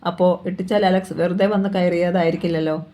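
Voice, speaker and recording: Woman reading a nervous troubled writer guy, low dark voice, storybook. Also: fairly even intonation, fairly quick, lightly acted. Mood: uneasy. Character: troubled male narrator, a novelist.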